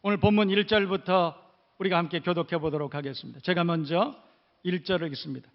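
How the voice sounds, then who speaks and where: A man's voice: sits high, fast talker, in a large hall, muffled recording. A male pastor preaching a sermon in a church, emphatic, with repeated rhetorical questions. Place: church sanctuary.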